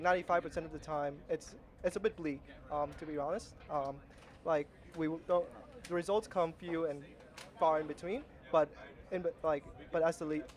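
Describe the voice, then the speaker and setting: Young man from Vietnam, slightly high voice, hesitant, filler-heavy, speaking outdoors. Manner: hesitant, many fillers and restarts. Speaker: rocketry team flight simulation lead. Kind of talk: casual interview. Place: outdoors at a launch site.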